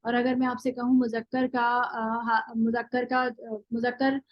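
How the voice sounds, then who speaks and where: A woman with Urdu as her first language gives a grammar lesson, her voice sitting a touch high. She explains step by step and recites word forms slowly in a row. The audio is dry and dull, with no room sound. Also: level tone, no room sound. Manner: explains step by step, often checks with "thik hai"; drills word forms slowly, one at a time. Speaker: Arabic grammar teacher. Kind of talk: classroom lecture.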